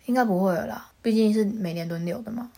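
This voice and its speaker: Young woman podcast co-host, quick and lively. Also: medium pitch. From Taiwan. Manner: animated storyteller, acts out quotes. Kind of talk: casual chat.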